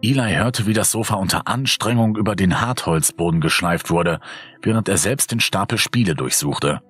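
A man narrating a horror story in a calm, steady reading voice. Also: low voice, normal speed, husky. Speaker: audiobook narrator.

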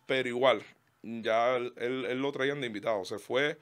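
Bright-voiced Cuban man telling stories. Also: mid-range voice, steady tone, moderate pace, smooth. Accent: Cuban Spanish. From Cuba. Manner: rambling, frequent restarts, laughs warmly. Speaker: guest singer and pastor. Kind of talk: casual interview storytelling.

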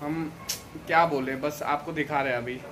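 A man's voice: a little high, steady tone, normal speed, a bit bright, a little hiss or hum. A man, chatting casually in a family vlog, teasing and pleading playfully. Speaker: vlogger.

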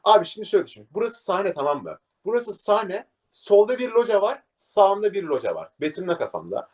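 A young man, a DJ, talking casually in an interview and acting out a story with lively energy. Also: high-pitched, fast. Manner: animated, acts out scenes, says "abi" a lot. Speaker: DJ guest.

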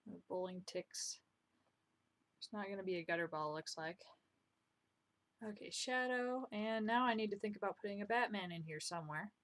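At home, speaking into a desk mic, a young woman vlogs while she draws, chatting about her work in a self-deprecating way and muttering quiet asides. Her voice is medium in pitch and normal in speed, with long pauses between thoughts.

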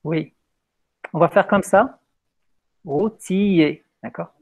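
Un homme, professeur, donne un cours de poésie française en visioconférence, patient et guidant ses élèves. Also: male voice, sits high, takes it slowly. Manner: patient, guiding, repeats praise. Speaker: teacher. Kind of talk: online French poetry lesson.

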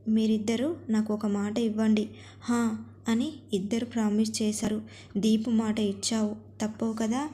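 Woman storyteller, fairly high voice, level and even delivery, first-person narration. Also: normal speed.

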